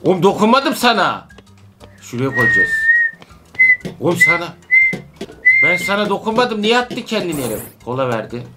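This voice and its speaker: A man giving excitable casual commentary while coaching his daughter through a video game. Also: high voice, normal speed, pauses often. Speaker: parent playing with his daughter. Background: game music.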